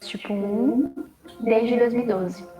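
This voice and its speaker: A woman's voice: fairly high pitch, slow, mellow, recorded from a distance. Young Brazilian woman, reflective first-person telling, set back from the mic in a very echoey room with music underneath. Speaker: guest. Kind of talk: casual live video chat.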